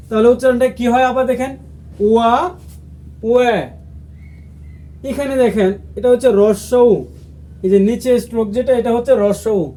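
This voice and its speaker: A man from Bangladesh teaching a language lesson, slowly and patiently repeating each sound for his viewers. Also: very high-pitched, mellow. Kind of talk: lesson explaining how to say letters.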